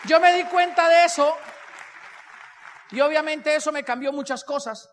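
A man's voice: very high voice, normal speed, a bit bright, in a large hall, a faint crowd, slight background noise. A man with a Colombian accent giving a live motivational talk, telling his story, acting out the dialogue and asking the audience questions. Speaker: motivational speaker.

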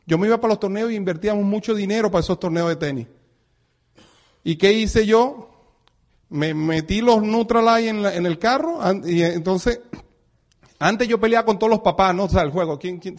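Venezuelan man, middle-aged, high-pitched, lively motivational speaker who acts out dialogue. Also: normal speed. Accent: Venezuelan Spanish. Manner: animated, acts out dialogue, chuckles often. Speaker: network marketing speaker. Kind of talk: motivational talk to an audience.

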